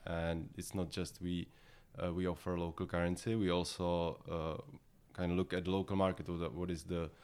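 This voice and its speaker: A man with a Czech accent answering interview questions in a halting way, often repeating words as he goes. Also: deep voice, little pitch movement, darkish tone, smooth. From Czech Republic. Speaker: podcast guest, head of localization and e-commerce at a software company.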